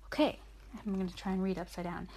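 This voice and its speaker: A woman's voice: mid-range voice, fairly even intonation, fast talker, mellow. A woman reading a bedtime sleep story aloud as a mother and host, explaining things simply and encouragingly as if to a small child. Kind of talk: gentle sleep story narration and chat with her small child.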